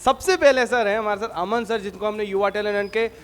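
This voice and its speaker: A man reporting from a blood donation camp, addressing viewers and briskly questioning donors. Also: sits high, steady tone, a bit bright, big-room sound. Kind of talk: fast on-location interview.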